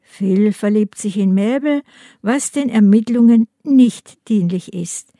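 A woman reads a crime story in calm, measured scripted narration. Her delivery is very slow and her tone is mellow. The close studio sound is dry. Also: medium pitch, no echo. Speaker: audiobook narrator.

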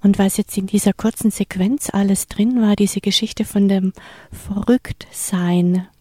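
A woman interviewer who speaks warmly and enthusiastically and sometimes searches for the right words. Her voice is mellow and slightly husky, and the recording sounds dry and close. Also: mid-range voice, steady tone, measured pace, no echo.

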